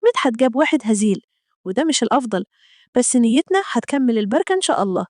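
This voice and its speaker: A woman's voice: fairly high pitch, very animated, rapid-fire, darkish tone, dry recording, clean studio sound. A woman voicing a middle-aged Egyptian mother who scolds her husband and patiently explains things to her children, with an Egyptian accent. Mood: tender. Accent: Egyptian Arabic.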